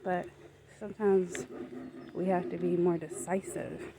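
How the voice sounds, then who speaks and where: Slow, reflective woman vlogging outdoors. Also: on the low side, flat delivery, crowd noise. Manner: unhurried, reflective, gently motivational. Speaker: lifestyle vlogger. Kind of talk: casual reflective vlog monologue. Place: outdoors walking up a hill.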